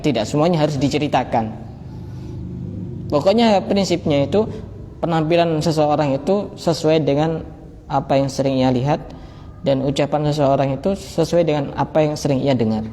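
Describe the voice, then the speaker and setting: Male preacher, mellow higher voice, playful study-circle delivery, echoing hall with faint hiss. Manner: conversational, joking, acts out dialogue with students. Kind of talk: religious study talk. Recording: long hall reverb, faint background noise.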